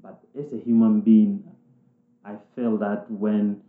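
A man from South Sudan, speaking in a thoughtful, halting way with restarts as he interviews people in a reflective conversation. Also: lowish voice, level tone. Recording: echoey room, tinny phone-like sound.

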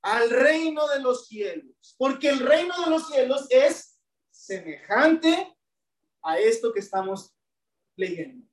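High-voiced woman preaching in an echoey hall. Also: lively intonation, slow pace. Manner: asks the congregation rhetorical questions, addresses them as brethren. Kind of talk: sermon. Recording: echoey room, voice from a distance.

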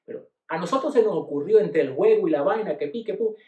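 A middle-aged Venezuelan man casually telling family stories, slangy and animated, dropping to low mutters and rising to loud bursts. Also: fast talker, muffled recording. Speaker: podcast host. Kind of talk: casual storytelling monologue. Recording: roomy echo.

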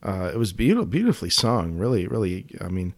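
A man's voice: low-pitched, very animated, quick pace. A man co-hosting a podcast in casual comedic chat, joking and laughing often, with frequent restarts. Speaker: podcast co-host.

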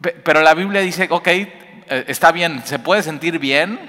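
A man's voice: fairly high pitch, moderate pace, pushed and bright. A man giving an informal devotional Bible teaching. He talks in a conversational way, with frequent filler sounds, and acts out everyday scenes. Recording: long reverb, hall-like room.

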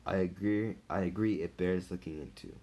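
A man reading the lines of a cautious, reasoned female warrior hero without changing his own deep voice. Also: moderate pace, dark tone.

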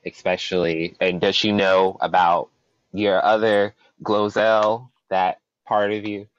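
Brief: low-voiced male interviewer, hesitant and casual, dull lo-fi sound. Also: flat delivery, slow pace, smooth. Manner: hesitant, with fillers and brief backchannels.

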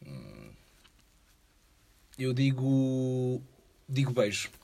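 A man's voice: mid-range voice, wildly swooping pitch, very slow, creaky, a little mellow, husky. A man with a European Portuguese accent playing a quiz contestant, making wry, teasing remarks, heard distant from the microphone. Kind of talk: casual podcast chat. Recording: distant from the mic.

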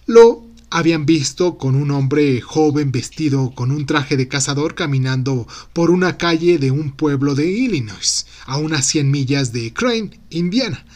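Man, slightly high voice, podcast host, scripted mystery narration, storytelling. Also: measured pace, hardly any pauses, a little mellow.

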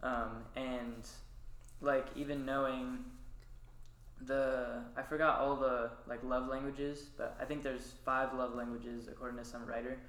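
A man speaking hesitantly in a casual group discussion, with many "um"s and pauses. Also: medium pitch, flat delivery, a bit bright. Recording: echoey room.

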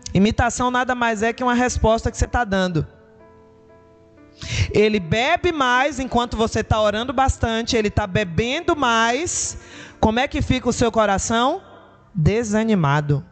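A woman's voice: a little high, expressive, normal speed, long pauses, faint music behind. A woman pastor with a Brazilian Portuguese accent, preaching emphatically and asking her listeners rhetorical questions. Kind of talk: sermon.

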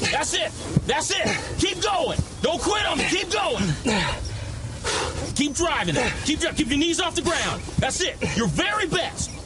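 An actor playing a relentless male football coach in a film drama, shouting hoarse, urgent, repeated encouragement. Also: very high-pitched, very animated, unhurried, recorded from a distance, heavily acted. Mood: urgent, driving. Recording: loud music over the voice. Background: loud music.

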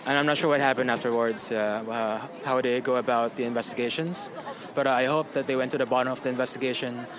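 An American man answering a street interview in a sympathetic, halting way. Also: medium pitch, steady tone. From New York, United States. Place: city street outdoors. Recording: busy street crowd noise.

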